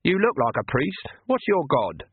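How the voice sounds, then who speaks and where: A man's voice: a little high, huge pitch swings, normal speed, slightly rough, dry recording, voice pushed up, heavily acted. Man putting on a blunt old witch. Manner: dry, blunt, practical. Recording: narrow phone-like sound.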